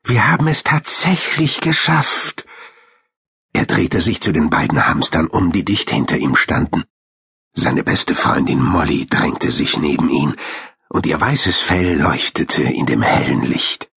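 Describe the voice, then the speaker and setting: A man narrating a children's storybook in a lively, expressive way. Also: extremely low pitch, measured pace, creaky, husky, no room sound, studio quality. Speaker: audiobook narrator.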